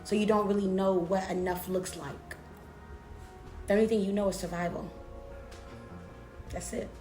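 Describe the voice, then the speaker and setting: A woman delivers a motivational pep talk in a roomy, echoing space. She speaks at an average pitch, emphatic and preacher-like, leaning on repetition while keeping her phrasing informal and conversational. Faint music plays behind her. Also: steady tone, normal speed, warm tone. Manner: informal, conversational, addressing listeners as besties.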